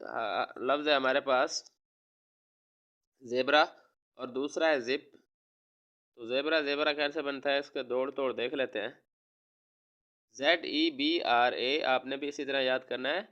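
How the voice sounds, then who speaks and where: A man from Pakistan, a teacher giving a recorded lesson to young children, slowly spelling out words and repeating them. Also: medium pitch, a bit bright, lo-fi sound. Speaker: online school teacher.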